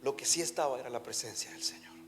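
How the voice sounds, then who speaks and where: A man's voice: medium pitch, fast. A man preaching a sermon as a pastor, in an emphatic, fervent manner. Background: soft music.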